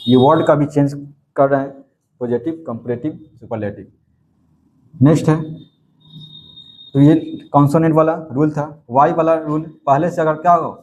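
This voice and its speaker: A man's voice: a little high, steady tone, moderate pace, long pauses, a little mellow, muffled recording. A man teaching a grammar class in a coaching centre. He speaks, repeats each key word and asks questions that he then answers himself.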